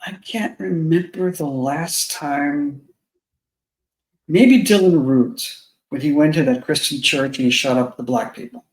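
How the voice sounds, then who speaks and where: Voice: medium pitch, measured pace. Blunt talker with a big echoey room sound. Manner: blunt and heated, stumbling over restarts. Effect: echoey sound, as if in a big bare room. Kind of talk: casual opinion chat. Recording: echoey, roomy mic sound.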